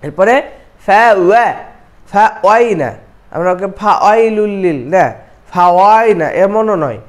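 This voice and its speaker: A man's voice: high voice, normal speed. A man teaching Quran recitation, explaining pronunciation and repeating syllables to drill them. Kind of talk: recitation lesson with slow chanting and quick explanation.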